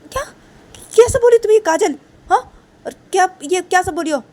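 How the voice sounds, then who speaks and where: A woman voicing an angry, jealous female teacher who scolds and threatens loudly, while telling a story. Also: a little high, animated, brisk, husky. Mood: startled. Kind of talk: storytelling role-play.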